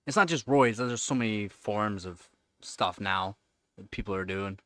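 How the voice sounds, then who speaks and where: His voice fairly low, sharp and a little slow, a livestream host in his thirties chats casually with viewers and answers their questions. He rambles with many fillers and repeated words, recorded with no room sound.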